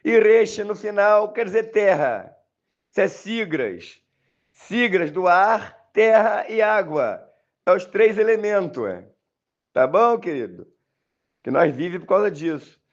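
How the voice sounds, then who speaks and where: A man's voice: high-pitched, big pitch swings, unhurried, muffled recording. A man with a Brazilian Portuguese accent recording a voice message, talking insistently and repetitively to his listeners. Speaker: religious commentator. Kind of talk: voice message monologue.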